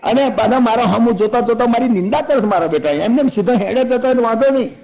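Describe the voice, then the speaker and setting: A man's voice: very high-pitched, fast talker, a little mellow, pitched above the performer's own voice. A man voicing a grieving divine prince who laments and complains about being mocked. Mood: lamenting.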